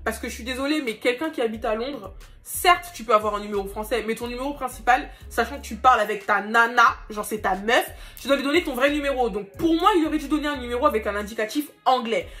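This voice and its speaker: Fast-talking woman telling a storytime vlog. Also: a little high, faint music behind. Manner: animated, addresses viewers directly. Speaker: vlogger.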